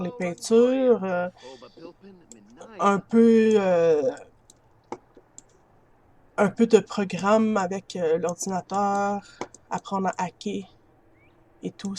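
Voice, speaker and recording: A woman's voice: mid-range voice, darkish tone, a little hiss or hum. A woman with a Quebec French accent giving casual commentary over a video game. She chats to her viewers, laughs easily and talks into a built-in computer mic. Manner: chatty, addresses viewers as friends, laughs easily. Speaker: gamer.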